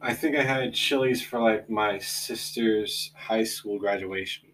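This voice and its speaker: A man co-hosting a casual podcast, easygoing, pausing often with "um" as he recommends films and plugs the show. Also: fairly low pitch, fairly bright tone, a little hiss or hum. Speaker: podcast co-host. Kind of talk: casual chat.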